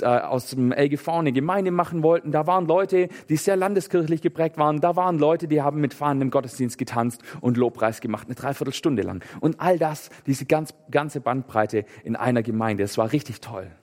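A man's voice: fairly high pitch, a little mellow. Man preaching in a reverberant church. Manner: earnest, conversational preaching with fillers and restarts. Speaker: pastor. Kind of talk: sermon.

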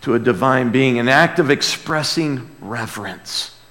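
A man preaches an expository sermon in a hall with long reverb, speaking emphatically, repeating key words, and posing rhetorical questions. His mid-range voice is expressive, unhurried, and fairly bright.

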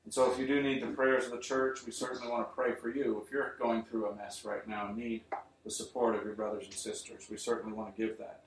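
A male preacher giving an earnest sermon to his congregation, building up to emphatic points and then easing into quiet appeals. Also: mid-range voice, level tone, fast talker, a little hiss or hum. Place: church. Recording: roomy church sound, mic at a distance.

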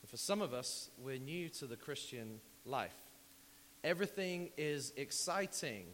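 In a church hall, a pastor delivers an informal sermon to his congregation, conversational and emphatic, his mid-range, slightly bright voice a little croaky as he recovers from an illness. He speaks unhurriedly with lively intonation, mixing hesitant asides with emphatic repetition. The church-mic recording is hissy and very reverberant.

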